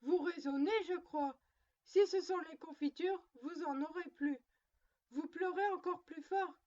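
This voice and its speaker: A woman's voice: very high voice, measured pace, a little mellow, dull audio. Woman playing prim little girl scolding. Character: little girl sternly playing mother to her doll. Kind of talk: storybook reading.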